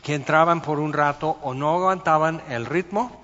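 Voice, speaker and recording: A man, a pastor preaching a sermon and telling stories with lively, acted-out voices. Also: a little high, normal speed. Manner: animated storytelling, acting out voices. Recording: muffled sound with long hall reverb.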